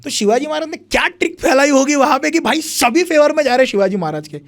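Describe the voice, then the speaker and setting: A young man, a history speaker, telling a long story in animated conversation and acting out what people said. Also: extremely high pitch, quick pace. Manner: animated retelling with repeated phrases, acts out quotes.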